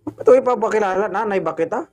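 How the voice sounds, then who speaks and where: A man's voice: high voice, fast, darkish tone. A man hosting a casual livestream, teasing his partner and thanking gifters by name. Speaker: livestream host.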